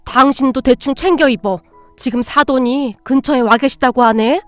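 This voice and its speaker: A woman's voice: high voice, normal speed, no echo, close to an everyday voice. A woman voicing a middle-aged husband who talks in short, hurrying orders. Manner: curt, hurrying.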